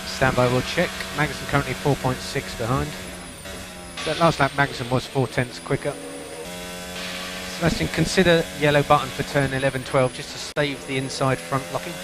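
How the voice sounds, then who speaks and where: A man's voice: medium pitch, fairly even intonation, fairly quick, over music. A man working as a race engineer, giving concise, repeated instructions over race car team radio. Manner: concise, repeats key calls.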